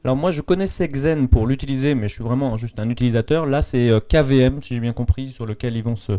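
A man's voice: mid-range voice, quick pace, warm tone. A man co-hosting a podcast, explaining tech topics casually with fillers and the odd joke. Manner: filler-heavy, jokey explainer. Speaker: podcast co-host.

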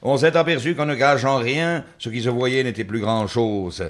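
A man's voice: mid-range voice, normal speed, natural voice. A man playing a pompous, zealous customs officer in a satirical radio drama, talking in slogans. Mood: preachy, zealous. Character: pompous, reactionary male border customs officer, zealous and absurd.

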